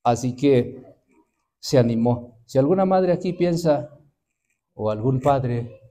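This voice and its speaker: Preacher, male, 50s; warm sermon storytelling, mid pitch. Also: expressive, slow pace. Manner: storytelling, acts out quoted voices, addresses the congregation.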